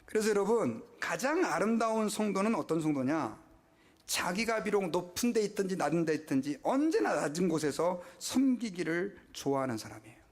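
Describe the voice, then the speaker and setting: Brief: middle-aged man, pastor in a church, chatty preaching style, slightly raised pitch. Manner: conversational preaching with rhetorical questions and mock quotes. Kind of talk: sermon.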